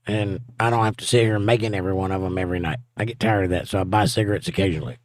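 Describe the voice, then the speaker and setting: Very fast and deep, a man's steady voice comes through with no echo as he hosts a livestream. He has a Southern accent and reads the chat in a laid-back, teasing way, chuckling a lot.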